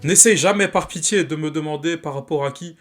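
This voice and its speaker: A man's voice: fairly high pitch, fairly quick. A young man with Malagasy roots doing a punchy, self-mocking comedy monologue. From Madagascar heritage. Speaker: comedy YouTuber. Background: background music.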